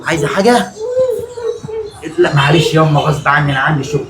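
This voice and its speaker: A woman's voice: sits low, roomy sound, a loud crowd, pitched below the performer's own voice, close to an everyday voice. A woman playing a busy son who apologizes to his mother before leaving for work in a skit drama. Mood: apologetic. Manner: apologetic, hurried.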